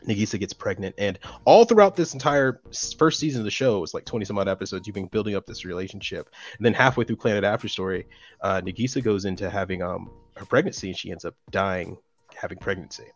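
A man's voice: lowish voice, fast talker, lo-fi sound, soft background music. A young man co-hosting a casual podcast, retelling a sad anime plot with lots of restarts and feeling. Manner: emotional storytelling with many restarts. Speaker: podcast co-host. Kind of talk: casual chat.

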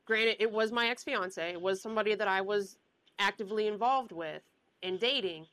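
A woman's voice: mid-range voice, normal speed, fairly bright tone, no echo, low-quality recording. A young woman hosting a casual podcast chat, giving frank advice and sometimes losing her train of thought. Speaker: podcast host.

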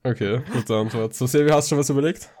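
A man's voice: medium pitch, quick pace, darkish tone. A young man hosting a casual podcast with friends, often laughing and tripping over his words. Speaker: podcast host. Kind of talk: casual chat among friends.

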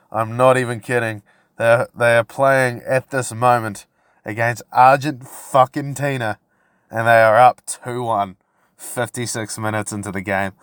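A man's voice: mid-range voice, a bit bright, clean tone, no echo. Brash, sweary frat-bro man, close dry sound. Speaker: podcast host. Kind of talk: casual solo podcast rant.

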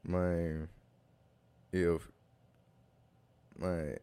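A young man appears as a guest on a casual talk show, telling stories in loose, slangy speech and laughing through them. His voice sits low and is warm and smooth, with a flat delivery and an extremely slow pace.

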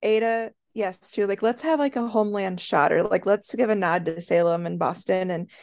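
A woman co-hosting a podcast, telling an animated story in casual chat and laughing often. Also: on the low side, normal speed, creaky, no echo, studio quality. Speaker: podcast co-host.

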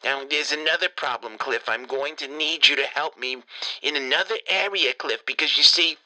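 A man voicing a nagging, crude old grandmother leaving a voicemail for her grandson, shrill and repeating his name over and over. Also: normal speed, sharp tone, no echo, rough recording. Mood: crude complaining. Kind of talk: comedy prank voicemail.

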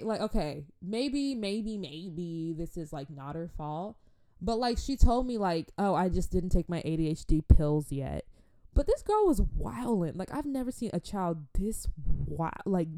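A woman in her twenties casually telling a babysitting story, animated, with slangy asides and frequent laughter. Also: mid-range voice. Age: 20s. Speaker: vlogger.

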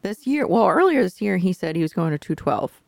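A woman co-hosting a podcast as a coach, chatting and explaining in a lively, conversational way. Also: fairly low pitch, fairly quick, gravelly, no echo, studio quality. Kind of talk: casual chat.

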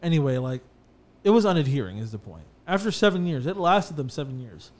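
Fairly quick and on the high side, this man's voice carries casual podcast stories about life running a bathtub refinishing business. He tells them animatedly, with frequent fillers and restarts.

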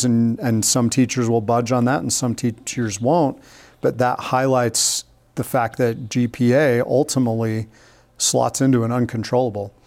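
A man's voice: mid-range voice, vocal fry, darkish tone. A middle-aged man co-hosting a casual podcast, upbeat and laughing often as he explains at length. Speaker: podcast co-host.

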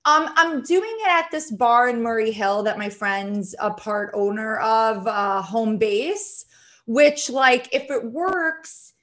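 A woman comedian hosts a podcast. She talks in a chatty, rambling way full of "like," with a fairly high voice. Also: slow, a bit bright. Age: 30s. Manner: chatty, heavy use of "like". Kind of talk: casual podcast chat.

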